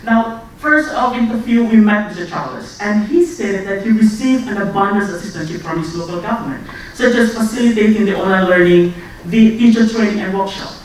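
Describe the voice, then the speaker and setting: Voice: mid-range voice, brisk. Student presenter from Indonesia, scripted persuasive talk, big hall echo, faint room noise. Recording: echoey hall from far off.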